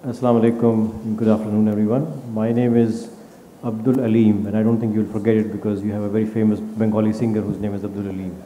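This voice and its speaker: A man on a panel introducing himself in a quick, joking way. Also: fairly low pitch, flat delivery, reverberant, long reverb tail, phone-quality sound, slight background noise. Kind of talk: light-hearted self-introduction.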